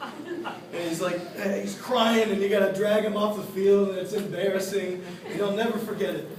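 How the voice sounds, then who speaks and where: A man's voice: sits high, normal speed. A young man in his twenties, the son at his father's birthday party, giving a humorous speech full of anecdotes and laughing often as he tells them. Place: party room. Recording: echoey room, distant mic, loud crowd.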